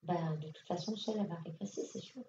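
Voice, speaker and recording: A woman medium talks casually and directly to an audience member, with plenty of fillers. Her voice is mellow and sits in the middle of the range. She is picked up from afar, dull and roomy, in a conference hall. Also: on the low side, quick pace, slight background noise. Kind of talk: public mediumship reading. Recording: echoey hall, distant lo-fi mic.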